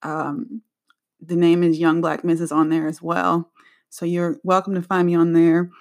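A young adult woman hosting her own show in casual solo chat, talking in a chatty, animated way with laughing asides. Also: on the low side, measured pace. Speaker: podcast host.

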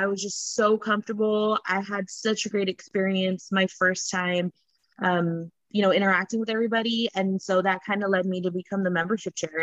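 A woman's voice: mid-range voice, a bit bright, no echo, lo-fi sound. A young woman, a podcast guest, talking casually with many fillers. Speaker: spouses club president, guest.

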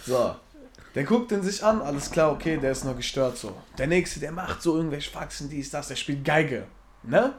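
A young man with a somewhat high voice and a lot of rise and fall in his pitch. He chats casually and tells jokes in slangy street talk, with faint noise under the recording. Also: normal speed. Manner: slangy street talk, lively joke telling with bursts of laughter. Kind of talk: casual chat, telling jokes.

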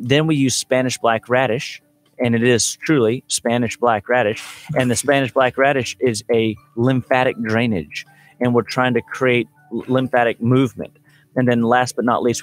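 A man in his thirties, a doctor guest on a radio show, explaining remedies in a chatty, laughing way. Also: mid-range voice. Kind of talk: casual radio chat.

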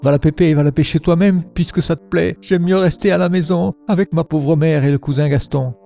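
A man's voice: medium pitch, fairly even intonation, normal speed, creaky, warm tone, soft background music, lightly acted. A man voicing a small boy who stubbornly refuses his father, in a raised and pleading tone during a poem recital. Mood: defiant. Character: defiant little boy Prosper.

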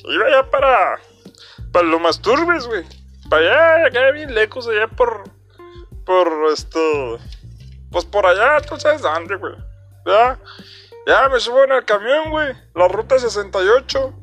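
A brash young joke-teller with a strongly nasal voice, as a man puts him on, rambling loudly in Mexican street slang. His voice sits high and bright, pushed well above a normal speaking voice, with faint music behind. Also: big pitch swings, measured pace, heavily acted. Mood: rowdy.

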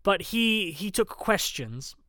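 A man's voice: high voice, very animated, slow pace, bright, forceful tone, no room sound, clean studio sound. A man telling a rambling, profane story in casual chat, full of fillers and self-deprecating asides.

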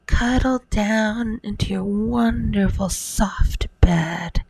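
A woman softly half-whispering a soothing bedtime story as narrator, speaking close-up, right in the ear. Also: mid-range voice, slow, no echo. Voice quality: breathy, soft.

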